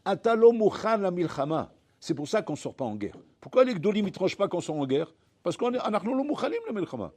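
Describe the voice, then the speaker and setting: A man teaching a Torah class in peppered words, his voice fairly high yet dark and husky. He talks big swings of energy, acting out little dialogues and restarting his phrases again and again. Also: quick pace. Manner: animated, acts out dialogues, frequent restarts. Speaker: rabbi giving a Torah class. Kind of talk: lively spoken Torah lesson.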